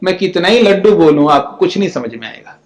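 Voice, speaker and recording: A man's voice: high voice, lively intonation, brisk. A man, a spiritual teacher, giving a scripture commentary lecture; he reads Sanskrit lines, then explains each in plain speech and keeps checking that his listeners follow. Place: ashram lecture hall. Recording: echoey hall with long reverb.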